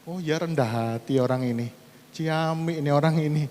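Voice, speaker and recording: A man preaching a sermon in a conversational style, mixing casual slang with scripture readings and animated emphasis. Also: on the high side, normal speed. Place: church sanctuary. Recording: church hall reverb.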